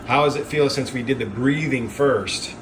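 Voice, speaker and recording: A man's voice: medium pitch, normal speed. A man talking casually and explaining as he hosts an ice bath demonstration, with an encouraging manner. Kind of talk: casual explanatory vlog talk. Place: garage. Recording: clear background noise, humming ambience.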